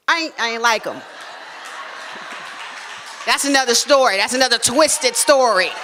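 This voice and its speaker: A woman, telling a personal story live on stage and acting out the voices she quotes. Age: 40s. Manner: animated, acts out quoted voices with big pitch jumps.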